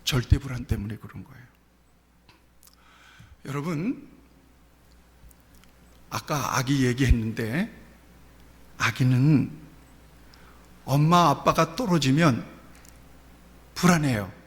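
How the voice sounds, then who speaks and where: A middle-aged male pastor preaching a sermon, animated, full of rhetorical questions and personal stories. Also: medium pitch, slow pace, pauses often. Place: church sanctuary. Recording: long church hall reverb.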